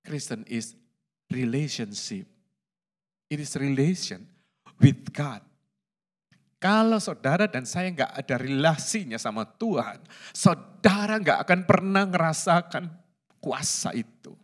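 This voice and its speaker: A middle-aged man delivers a sermon. His voice sits high and swings widely, and he mixes in English phrases and chuckles at his own jokes. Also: sing-song, slow pace, pauses often. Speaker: pastor.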